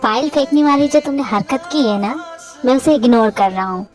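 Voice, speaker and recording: A woman's voice: high voice, fairly quick, darkish tone, lightly acted. A woman voicing a bossy, flirtatious billionaire husband in an amateur fan dub, sounding commanding and smug. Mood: low, flirtatious. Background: background music.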